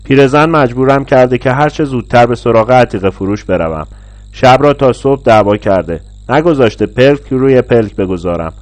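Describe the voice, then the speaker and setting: A weary old retired man, read by a male narrator, complains plaintively about his troubles. His voice is mid-pitched and worn down. The recording is close and dry, as in an audiobook. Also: no echo, close to an everyday voice. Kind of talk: audiobook story reading.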